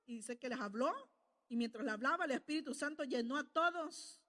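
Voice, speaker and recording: This woman's high voice has a sharp edge, and her delivery runs a little fast through a spacious, big-room acoustic. She's giving a sermon built on storytelling, putting questions to the congregation and supplying the answers herself.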